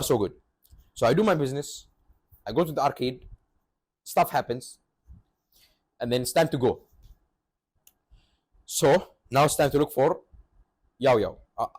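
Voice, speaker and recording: A man's voice: medium pitch, darkish tone. A young man telling a comic story on his vlog, sarcastic and exaggerated, at times rising to mock outrage. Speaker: vlogger. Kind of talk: comedic storytelling.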